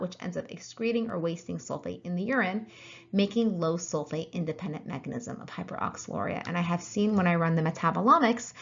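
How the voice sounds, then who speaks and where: A woman's voice: lowish voice, vocal fry, dull audio. A woman practitioner giving an educational talk on health, explaining step by step with frequent ums and self-corrections. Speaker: functional medicine practitioner.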